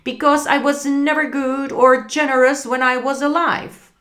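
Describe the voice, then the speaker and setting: A woman voicing a doomed male ghost who drags chains, speaking slowly and solemnly. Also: sits high, flat delivery, a bit bright, voice pushed up. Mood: mournful. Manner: slow, solemn and emphatic.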